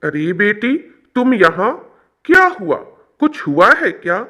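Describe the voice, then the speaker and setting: A high, lively middle-aged father, played by a man, who worries aloud and coaxes softly. His voice swings up and down as he pleads in a cartoon-story manner. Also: slow pace, lo-fi sound, heavily acted. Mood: worried. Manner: coaxing, anxious questioning.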